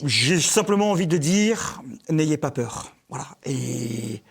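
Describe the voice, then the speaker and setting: A man, a film director being interviewed on a talk show, speaking haltingly with many restarts and repeated words. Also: fairly high pitch, animated, husky.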